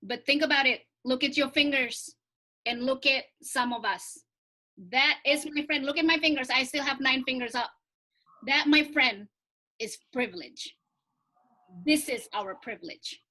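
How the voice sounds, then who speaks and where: Bright high-voiced woman hosting. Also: a little slow. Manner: upbeat, prompting others to join in. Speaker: forum host. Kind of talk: casual group discussion. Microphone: video call.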